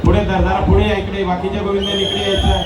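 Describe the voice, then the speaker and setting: A man's voice: high-pitched, monotone, fast, recorded from a distance, heavy background noise. A man acting as event announcer at an outdoor street festival, talking over a PA system and urging and directing the crowd. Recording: echoey loudspeaker heard from afar amid a loud crowd.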